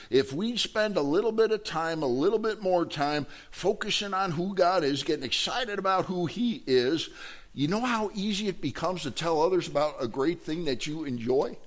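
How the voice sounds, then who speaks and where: A man with a higher speaking voice delivers a sermon. He talks conversationally, questions the congregation and jumps into loud, shouting bursts before he drops back to a quiet, prayerful tone. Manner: animated, bursts into loud shouts acting out a sports fan; asks the congregation questions, then ends in prayer. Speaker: preacher.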